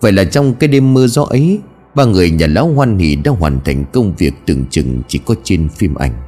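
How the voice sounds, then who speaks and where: A man's voice: sits low, warm tone. A man narrating a scripted horror story in a dramatic storytelling manner.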